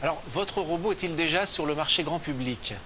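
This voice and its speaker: Bright-voiced male TV interviewer. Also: a little high, slight background noise. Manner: brisk, direct questioning. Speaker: TV interviewer, host. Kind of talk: TV news interview.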